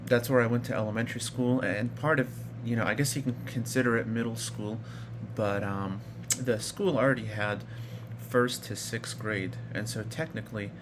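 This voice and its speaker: Man in his thirties, low voice, rambling casual storytelling, lots of fillers, noisy phone recording with hum. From Iraq. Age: 30s. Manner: rambling, with many fillers and restarts. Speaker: vlogger.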